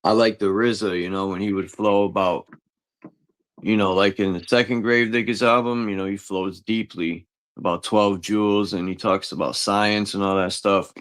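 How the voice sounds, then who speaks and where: A man's voice: lowish voice, fairly even intonation, normal speed, fairly bright tone, no room sound. A man chatting casually, rambling and filling his sentences with "you know.". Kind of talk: casual chat.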